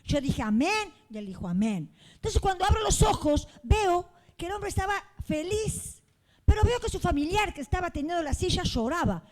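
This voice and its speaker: A woman's voice: very high-pitched, big pitch swings, moderate pace, a little mellow. A woman pastor, preaching a fervent sermon in a church and acting out the people in her stories.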